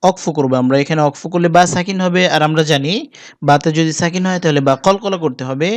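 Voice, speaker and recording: A man with a Bangladeshi Bengali accent leads a Quran spelling lesson, naming each letter and vowel in a slow, patient cadence. His voice is fairly high for a man, smooth and clean, and sits close to a dry microphone with no room sound. Now and then he breaks into slow, melodic recitation. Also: no room sound. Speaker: Quran teacher.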